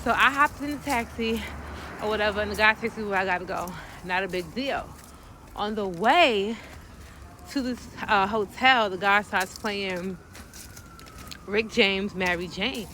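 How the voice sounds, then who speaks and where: An American woman telling a story casually, animated and slangy, often acting out the voices of other people. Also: medium pitch, a little slow, a little hiss or hum. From United States.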